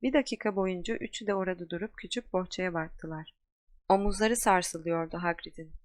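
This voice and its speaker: A woman with a fairly low voice reads a storybook aloud, steady and measured. The recording is dry and close, with no room sound. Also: dry recording. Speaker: audiobook narrator. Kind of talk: scripted narration.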